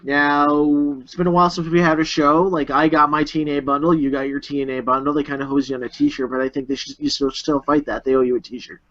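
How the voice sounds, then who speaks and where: A man's voice: fairly high pitch, flat delivery, quick pace, few pauses, a bit bright. A man co-hosting a casual podcast from a room at home, laid-back and laughing often. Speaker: podcast co-host. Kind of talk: casual chat. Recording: dull lo-fi home recording.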